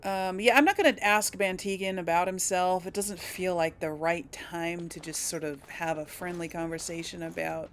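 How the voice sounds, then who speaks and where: A woman hosts a casual role-play Let's Play, chatting and thinking aloud as she plays. She speaks at normal speed with few pauses, in a lowish voice with fairly even intonation, over faint noise and game ambience.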